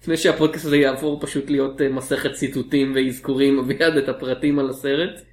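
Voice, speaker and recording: A man co-hosts a casual film podcast, bantering with a wry, playful edge. His voice is mid-pitched. The recording has a roomy echo. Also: level tone. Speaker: podcast co-host. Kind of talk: casual podcast chat about films.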